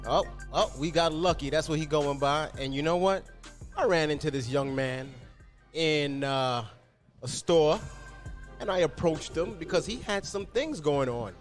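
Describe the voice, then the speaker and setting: A man from Costa Rica and New York hosting a podcast, talking loud and hyped with street slang in a casual interview. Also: a little high, a little slow, faint music behind. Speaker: podcast host.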